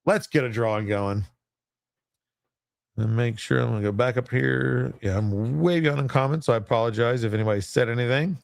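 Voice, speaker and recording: A man's voice: medium pitch, brisk, creaky, dry recording, studio quality. A man hosting a livestream giveaway, announcing in a casual, chatty, unpolished and self-deprecating way.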